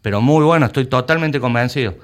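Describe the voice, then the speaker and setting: A man's voice: mid-range voice, fast. Emphatic Argentine man, repeating himself. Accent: Argentine Spanish. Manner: emphatic, repeats words while searching for them. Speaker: rugby club president. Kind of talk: conversational interview.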